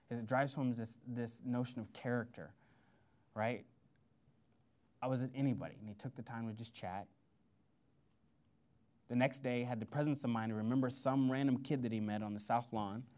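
A man's voice: mid-range voice, moderate pace, pauses often. Man from Missouri, speaker at a lecture, storytelling, acts out quoted lines, motivational. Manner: storytelling, animated quoted voices. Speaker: guest speaker. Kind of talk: motivational speech. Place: lecture hall before an audience.

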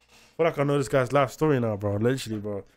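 A young British man hosts casual reaction commentary, talking fast in a mid-range voice. He's slangy, emphatic and informal, often repeating himself.

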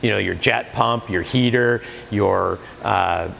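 A man's voice: fairly low pitch, slow pace, vocal fry, a bit bright, in a large hall, a little hiss or hum. A man in his forties at a spa supply store, earnestly explaining hot tub care to camera on a lapel mic, with lots of fillers and restarts. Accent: Canadian. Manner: earnest, many fillers and restarts, demonstrates products while talking.

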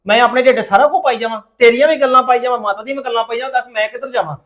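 An actor playing a tired husband trying to calm his wife in a domestic drama. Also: extremely high pitch, racing. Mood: placating. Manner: placating, exasperated. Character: weary husband caught between wife and mother. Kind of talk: domestic web drama acting.

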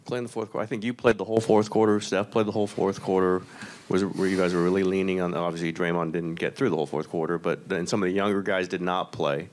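A man's voice: low voice, steady tone, fast. A man, a sports reporter asking long, rambling multi-part questions at a press conference.

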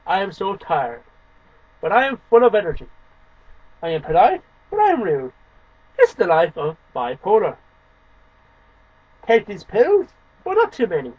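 Reading poetry at home to camera, this thirty-something amateur reader and video host delivers short, emphatic, declamatory phrases from a small indoor room lined with shelves. His high, breathy voice swings hugely in pitch, moves a little slowly, and pauses often. The recording is dry, picked up by a webcam microphone a short way off, with dull lo-fi quality.

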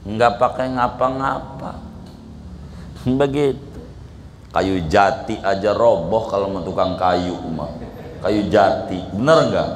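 A man with a Betawi Jakarta accent preaches at an unhurried pace, joking and colloquial, with sudden loud outbursts and near-whispered asides. His voice rings through a large, reverberant hall, with a faint hum of ambience behind him. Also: on the low side. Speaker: Islamic preacher. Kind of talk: sermon. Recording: echoey hall recording from a distance.

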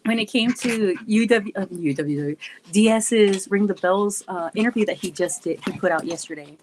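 Woman vlogger, casual chat to viewers, giggly and goofy, mid-pitched voice, faint hiss in the background. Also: normal speed, a little mellow, rough recording. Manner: giggly and goofy, laughs often; chatty with many fillers. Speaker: wrestler vlogger answering fan questions.

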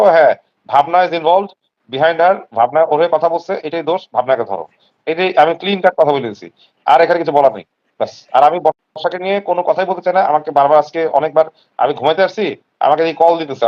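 A man's voice: on the high side, lo-fi sound. A man, talking emphatically and repetitively on an online live stream. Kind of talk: heated casual talk.

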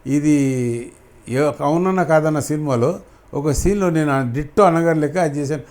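Middle-aged male actor, interview guest; passionate, emphatic, slightly raised pitch. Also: normal speed, darkish tone. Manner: fervent, repeats phrases for emphasis. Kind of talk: emotional interview answers.

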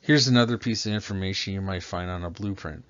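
A low-pitched man talks at a quick pace, narrating a slideshow lesson on plumbing as the instructor. He patiently explains each step and asks the listener questions, recorded as a dull, lo-fi voice-over.

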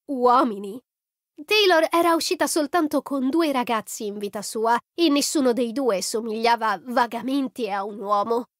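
A woman reading a first-person story as an audiobook narrator in an even storytelling delivery. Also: on the high side, normal speed, few pauses, no echo, clean studio sound.

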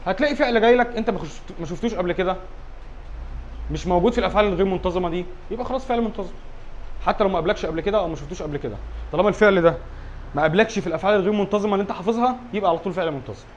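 Fast, high-voiced Egyptian teacher. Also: male voice, lo-fi sound, slight background noise. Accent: Egyptian Arabic. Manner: quizzes himself aloud, keeps checking with "alright?". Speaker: English teacher. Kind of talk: exam review lesson.

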